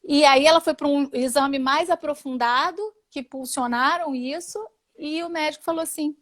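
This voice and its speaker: A woman with a Brazilian Portuguese accent and a high voice tells a heartfelt personal testimony. She speaks as a guest in an interview, animated and expressive, and slips into the voices of the people in her story. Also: moderate pace.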